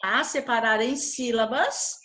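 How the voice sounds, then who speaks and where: A woman's voice: a little high, takes it slowly, sharp tone. A Brazilian woman teacher explaining a worksheet in an online class, patient, using diminutives and often checking in with the children. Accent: Brazilian Portuguese.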